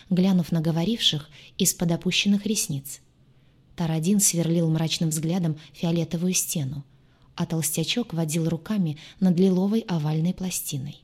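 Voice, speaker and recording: Brief: woman narrating a novel in the first person, low and husky, wry and expressive. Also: moderate pace. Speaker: audiobook narrator.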